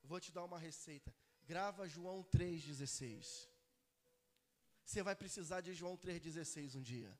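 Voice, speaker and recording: A male pastor preaching a live sermon in church, calling out to the congregation and swinging between loud cries and hushed asides. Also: fairly high pitch, moderate pace, faint music behind. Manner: calls out to the congregation for responses. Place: church service.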